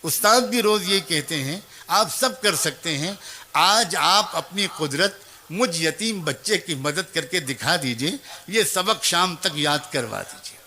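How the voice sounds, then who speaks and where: A man delivers a sermon as a moving story, his voice high and bright. He speaks the lines of the teacher, the child and the mother himself, with plenty of feeling. Now and then he turns to address mothers and young people directly. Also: lively intonation, slight background noise. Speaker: preacher.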